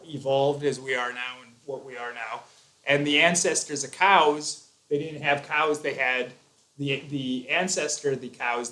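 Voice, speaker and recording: A man's voice: a little high, a bit bright. A man hosting a casual live stream, explaining his views at length with fillers and restarts.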